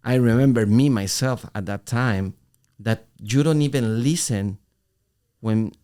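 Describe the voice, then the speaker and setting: A middle-aged man co-hosting a podcast, telling an animated story in casual talk with halting restarts. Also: medium pitch. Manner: animated, acts out quoted voices, halting restarts. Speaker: podcast co-host.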